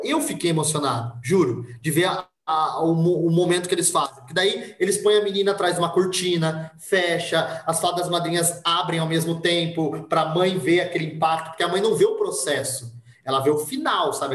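A man from Brazil telling a personal story in casual conversation, with lively delivery and voices acted out for the people in it. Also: fairly high pitch, echoey room. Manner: animated, acts out voices in anecdotes. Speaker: podcast guest.

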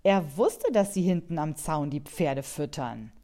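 A woman voicing a curious young girl who loves ponies, in a children's storybook, earnest and lively. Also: low-pitched, measured pace.

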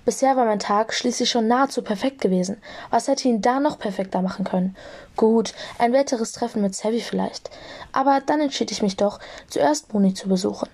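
A young woman narrating a fan audiobook in a lively storytelling manner. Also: a little high, brisk.

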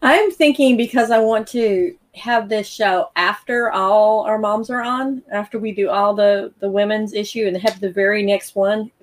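A woman's voice: mid-range voice, normal speed, few pauses. A woman hosting a show, chatting casually as she interviews her guest. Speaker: show host.

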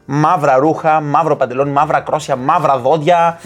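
A man's voice: a little high, steady tone, faint music behind. A young man in casual chat, telling a joke and laughing through the punchlines.

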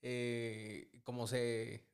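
A Mexican man hosting a casual podcast, talking at an easy, relaxed pace. He stumbles over and repeats words and often ends thoughts with a questioning tag. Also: medium pitch, very slow, gravelly, clear, resonant tone. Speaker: podcast host.

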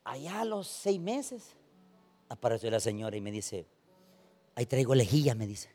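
A man preaching a sermon, telling stories and acting out the people in them, swinging from soft asides to loud points. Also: medium pitch, normal speed, soft background music. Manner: animated storytelling, acting out quoted voices, swings from soft to loud. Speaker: pastor.

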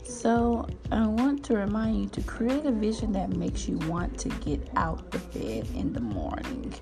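A woman hosts her podcast in a loose, chatty way, teasing and laughing as she goes. Her voice sits at a middle pitch, with soft music faintly under her. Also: animated, measured pace. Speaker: podcast host. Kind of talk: casual motivational chat.

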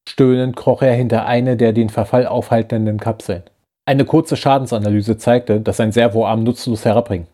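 A man narrating a science-fiction audiobook in a steady, measured way. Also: mid-range voice. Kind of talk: scripted narration.

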